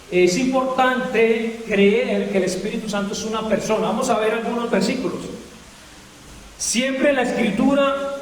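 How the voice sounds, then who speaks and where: A man with a high-pitched voice leads a Bible doctrine lesson. He asks his listeners questions and answers them himself. The sound is distant and echoey, with a long church-hall reverb and a faint hiss. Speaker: preacher. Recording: echoey hall, mic far off.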